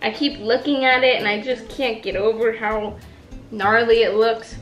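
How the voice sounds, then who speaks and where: A woman vlogger chatting casually through a cooking and eating challenge, reacting with lively exclamations. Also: a little high, moderate pace, dull audio, faint music behind. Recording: roomy echo, faint noise.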